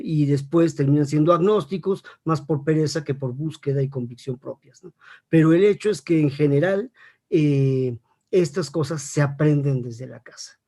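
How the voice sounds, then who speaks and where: Brief: male expert guest, a bit high in pitch, teacherly answers with frequent tag questions and measured hesitations. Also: warm tone. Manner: didactic, checks in with frequent rhetorical tags. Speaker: interview guest, academic expert. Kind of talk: explanatory interview answer.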